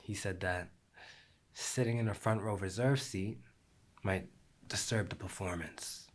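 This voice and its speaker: A young man performing a reflective theatrical monologue, slow and measured, sinking at times to a near whisper. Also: low-pitched, steady tone.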